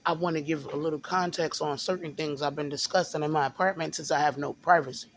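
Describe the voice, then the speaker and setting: Talking casually to camera, this male vlogger has a somewhat raised pitch, a fairly bright tone, and mostly level intonation. His throat is slightly sore, so he halts, repeats words, and restarts lines with frequent "um" fillers, over a faint hiss or hum.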